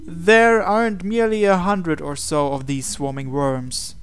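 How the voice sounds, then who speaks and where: A man hosting a game playthrough reads visual novel narration aloud, then offers his own commentary. His voice is slightly high, clean, resonant, and smooth, and his flat delivery is measured, with pauses between phrases.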